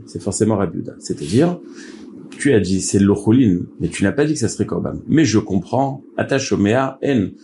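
Guy teaching talmud, warm dark voice, keeps dropping in hebrew terms. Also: lowish voice, a little hiss or hum. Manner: explanatory, mixing Hebrew-Aramaic terms into French. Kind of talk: daily Talmud class.

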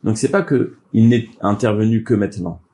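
A man's voice: lowish voice, normal speed, warm tone. A man teaching a daily Talmud class, explaining step by step and mixing Hebrew and Aramaic terms into his speech.

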